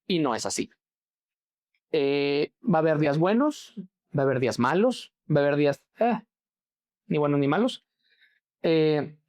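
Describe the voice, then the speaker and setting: A man's voice: on the high side, darkish tone. A man with a Mexican accent, a grief therapist, explaining as an interview guest and often checking that he is understood. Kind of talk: interview answers.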